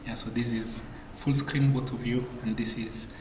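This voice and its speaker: A man's voice: mid-range voice, flat delivery, normal speed. A man hosting a chess tournament broadcast, chatting casually with many fillers and restarts as he interviews players. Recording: echoey hall, distant mic, background noise.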